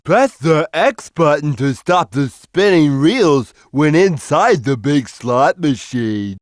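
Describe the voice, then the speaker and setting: A man voicing a big, slow-witted, gentle, good-natured cartoon cat in a video game, speaking in a simple, earnest, drawn-out way. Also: on the high side, no room sound, clean studio sound. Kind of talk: video game character voice lines.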